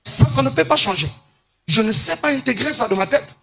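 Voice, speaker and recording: High-voiced man preaching from Congo. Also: lively intonation, gravelly, sharp tone. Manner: preachy, emphatic, slows to stress points. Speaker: commentator. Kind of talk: monologue to camera.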